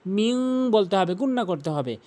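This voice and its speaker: A man's voice: high-pitched, lively intonation, a little mellow. A man teaching tajweed pronunciation, explaining common mistakes and drawing out the recited words, repeating each sound several times. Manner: drawn-out chanted recitation of example words between explanations.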